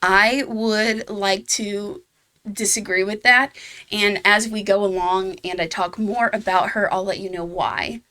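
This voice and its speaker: A woman's voice: mid-range voice, steady tone, unhurried, bright, forceful tone. A woman hosting her own game guide video, talking casually and laughing at herself now and then. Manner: chatty, laughs at herself, fillers. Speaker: gaming channel host.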